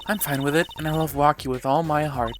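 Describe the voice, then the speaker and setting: Guy putting on a sweet young fiancee voice, soft and pleading, game dialogue. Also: a little high, fairly even intonation, quick pace, music in the background, lightly acted. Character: earnest young woman engaged to be married.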